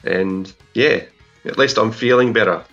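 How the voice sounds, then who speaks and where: A man with a croaky voice, getting over an illness with a cough, chatting casually as a podcast co-host. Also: on the low side, unhurried, fairly bright tone, lo-fi sound, soft background music. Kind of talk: casual chat.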